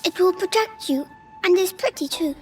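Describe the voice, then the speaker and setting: A naive little boy from a video game, with a very high, childlike voice over soft music. He sounds innocent and curious. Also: normal speed. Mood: gentle, innocent.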